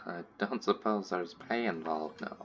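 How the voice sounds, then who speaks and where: A man's voice: low-pitched, a little slow, fairly bright tone, highs cut off, faint music behind. A man casually joking his way through a game as commentary host. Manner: joking, sarcastic, laid-back. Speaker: gaming channel host. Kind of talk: let's play commentary.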